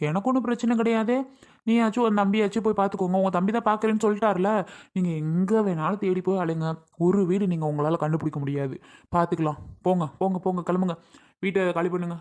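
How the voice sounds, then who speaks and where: Playing a pushy landlord in a village family skit, a man brags, bargains stubbornly and keeps repeating his price. His high-pitched voice is a little mellow and sounds close to everyday speech.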